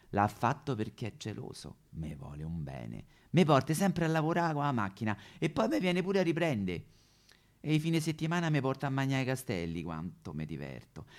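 On a theatrical stage, a male actor plays a brash, weary Roman streetwalker, bitter and lonely, delivering a coarse, confrontational, slang-heavy monologue. His pitch swings widely from line to line, and the mood is wistful.

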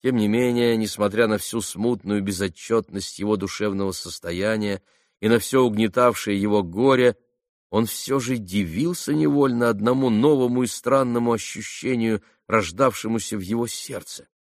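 A man narrating a literary audiobook in a measured, earnest manner. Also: fairly low pitch, dry recording, studio quality.

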